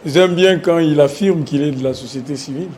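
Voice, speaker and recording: A man's voice: on the high side, fairly quick, a crowd in the background. A man, a panelist in a heated televised debate, sarcastic and pointed and insisting on being heard.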